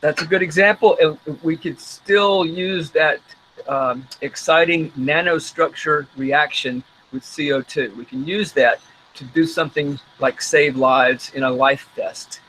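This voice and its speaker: A man teaching an online science class with live demonstrations, telling stories in an animated way and acting out little scenes. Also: fairly high pitch, a little hiss or hum, poor audio. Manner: animated storytelling, acts out scenes in quick asides.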